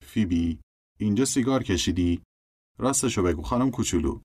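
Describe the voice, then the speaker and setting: A man's voice: on the low side, lively intonation, a little mellow, breathy edge. A man voicing a tired, strict middle-aged mother in an audiobook, speaking curtly and wearily. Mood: weary, scolding.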